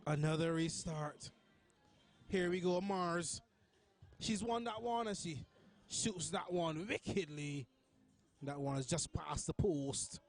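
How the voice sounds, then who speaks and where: A man with a Barbadian accent doing live, chatty commentary on a futsal match, breaking into excited shouts at big chances. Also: on the high side, slow pace, pauses often, faint music behind.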